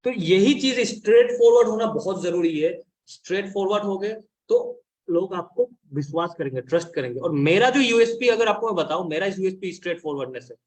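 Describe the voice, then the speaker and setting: High-voiced blunt man coaching a team. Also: expressive, a little fast, a little mellow. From India. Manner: blunt, scolding, mixes Hindi and English. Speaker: business consultant and trainer. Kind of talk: training session talk.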